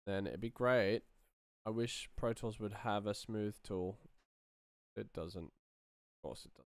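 Slow, low and creaky, a thirtysomething man's voice comes through dry and close, without echo, as he mutters half-formed thoughts. He's a sound designer and streamer giving casual screen-share commentary on his work at a computer in a small indoor room.

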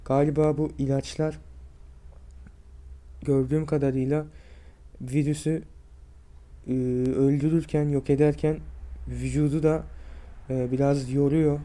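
Give me a sick, drained man in his twenties vlogging about his health, with a very dark, muffled tone and a weak, strained, halting voice. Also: fairly high pitch, level tone. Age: 20s. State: sick and drained with fever and aches. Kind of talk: personal health vlog, speaking to viewers.

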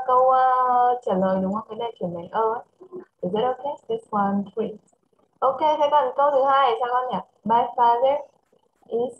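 A woman with a Vietnamese accent teaching English to a child over a video call, switching between English and Vietnamese and reading English phrases slowly. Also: fairly high pitch, dull audio, a little hiss or hum. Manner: mixes English and Vietnamese, slow careful English. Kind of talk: online English lesson for a child.

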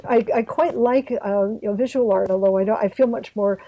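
A woman's voice: mid-range voice, fairly quick, no room sound, dull audio. An older woman from Canada, a guest in an interview, talking casually with lots of fillers and restarts. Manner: hesitant, many fillers and restarts. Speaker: guest, arts health board secretary.

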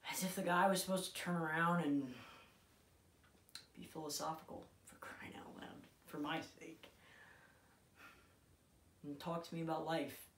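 A man in his twenties acting an intense dramatic monologue as a grieving, bitter son, halting and swinging between hushed and forceful delivery. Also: fairly high pitch, flat delivery, creaky. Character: grieving, bitter young man recalling his dying father. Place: small room indoors, on a couch. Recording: roomy indoor echo.

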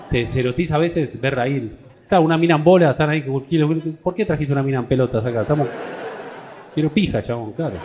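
A man's voice: mid-range voice, darkish tone, slight background noise. A man with a Rioplatense accent, a stand-up comedian teasing the crowd and chatting in his vlog. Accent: Rioplatense Spanish. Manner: teasing, joking, laughing often. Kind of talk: crowd work and casual vlog chat.

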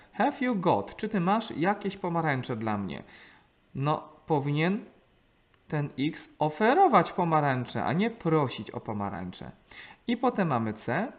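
A man's voice: a little high, phone-quality sound. A man teaching English, walking through exam answers and reasoning aloud step by step as he translates each line.

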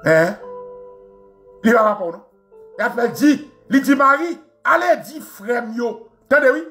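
A radio show host with a Haitian Creole accent delivers an impassioned, mocking monologue at a measured pace, faint music playing behind him. He's animated, repeating phrases and swinging from loud outbursts to low asides.

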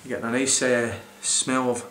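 A man in his forties is reviewing a beer on camera in a small room, rambling with enthusiasm and plenty of fillers for a casual vlog. His medium-pitched voice is fairly bright, level in tone, and moderately paced. There's a little hiss or hum in the echoey, roomy home recording.

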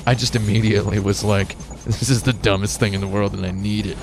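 A man's voice: fairly low pitch, steady tone, fast, vocal fry, noisy background. A man streaming a video game with casual, rambling, slangy commentary full of exaggeration. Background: game music and dialogue.

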